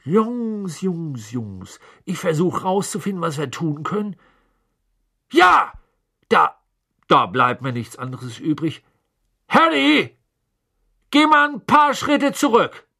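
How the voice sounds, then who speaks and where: Brief: male reader voicing an eager, bright-toned middle-aged wizard dad in an audiobook, lively and curious. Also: on the high side, slow pace, gravelly, slightly rough, voice pushed up, heavily acted. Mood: coaxing. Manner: excitable, wondering. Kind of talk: audiobook character voice.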